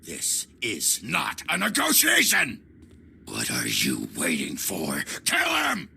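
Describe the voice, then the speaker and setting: A man's voice: low-pitched, sing-song, a little slow, gravelly, pushed and bright, a little hiss or hum, heavily acted. An actor playing a cowardly, greedy male Imperial official who blusters and then grovels. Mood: blustering.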